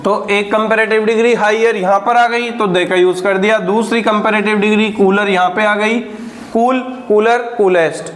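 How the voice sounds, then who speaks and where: A man teaching a grammar lesson, dictating examples slowly and answering his own questions. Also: high voice, steady tone, fairly bright tone, a little hiss or hum.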